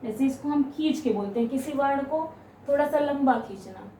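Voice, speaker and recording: A woman teaching grammar, explaining step by step, asking questions and answering them herself, and stretching out example sounds slowly. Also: high voice, warm tone, a little hiss or hum. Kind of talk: classroom explanation. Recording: echoey room, voice from a distance.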